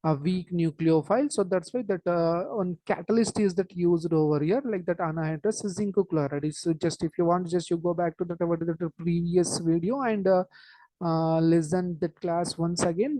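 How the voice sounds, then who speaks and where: A woman with an Indian accent teaching an online lesson in a halting, repetitive way, dropping in Hindi interjections. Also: fairly low pitch, warm tone, no room sound, poor audio. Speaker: chemistry teacher.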